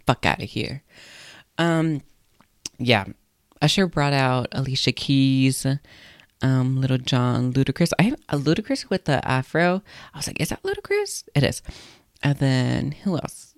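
A woman's voice: very deep voice, slow pace, pauses often, no echo, clean studio sound. A young woman hosting a solo podcast, talking in a chatty, blunt way and swearing freely. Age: young adult. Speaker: podcast host. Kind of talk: casual solo podcast chat.

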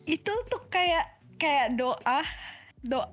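Woman, high pitch, animated storyteller, casual chat, dull lo-fi sound. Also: drawn-out words. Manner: animated, storytelling, quotes people. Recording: dull lo-fi with faint music.

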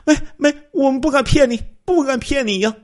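A man's voice: very high voice, a little fast, voice pushed up. A man voicing a frightened woman business owner begging for her family. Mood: pleading.

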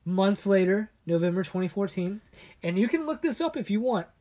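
A man co-hosting a casual chat podcast, telling stories in a halting way full of restarts and often dropping his voice low and conspiratorial. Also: very animated, mellow. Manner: halting storyteller with many restarts. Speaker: podcast co-host.

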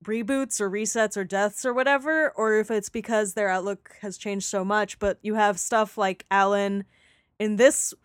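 A woman's voice: medium pitch, smooth, dry recording, studio quality. A young woman in casual chat, talking through a show's plot, acting out the characters' lines and laughing often. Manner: animated, acts out characters' lines in quick voices, laughs often. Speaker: podcast co-host discussing a TV series.

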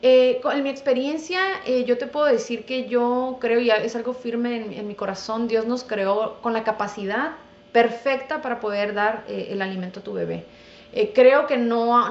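A woman's voice: on the high side, highs cut off. Earnest young woman, roomy sound. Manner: earnest, testifying with faith. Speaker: guest.

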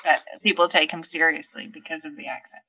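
A woman's voice: low-pitched, level tone, fairly quick, pushed and bright, slightly rough, no room sound. A woman with a Long Island accent, a podcast guest chatting casually, laid-back with hesitant fillers and easy laughs. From New York. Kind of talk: casual interview chat.

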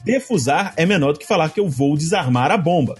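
Husky Brazilian man, rambling podcast talk. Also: fairly high pitch, expressive, brisk, faint music behind. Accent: Brazilian Portuguese. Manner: rambling storyteller, frequent fillers. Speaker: podcast co-host. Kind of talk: casual chat.

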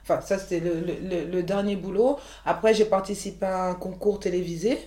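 Speaking fairly quickly with fairly even intonation, this Ivorian woman in her forties has a dark voice on the low side. She is a chef and entrepreneur being interviewed candidly, and she rambles frankly, restarting often and using many fillers, in a room with echo.

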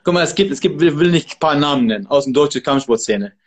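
A man's voice: fairly high pitch, animated, fast talker. A man, a martial arts trainer and guest, talking casually in an interview in an emphatic, motivational way.

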